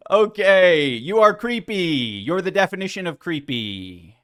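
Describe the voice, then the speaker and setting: A man's voice: fairly high pitch, very animated, measured pace, bright, forceful tone. A man streaming live, reacting to clips with sarcastic, mocking commentary and frequent laughter.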